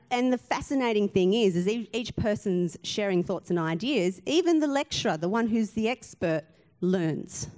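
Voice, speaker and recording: A woman pastor delivers a sermon with a mid-range voice, pitched neither high nor low. She keeps it chatty and pokes fun at herself. She often turns to the congregation with questions. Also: a little mellow. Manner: conversational, asks the congregation questions; self-deprecating humour.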